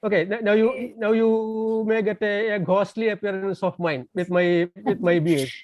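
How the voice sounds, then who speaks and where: A guest lecturer whose first language is Tamil gives a talk over a landline phone call, hesitating often with fillers and false starts. His voice sits high with fairly even intonation and a darkish tone at a moderate pace. The audio is muffled, narrow and lo-fi, the room close and dry with no reverb.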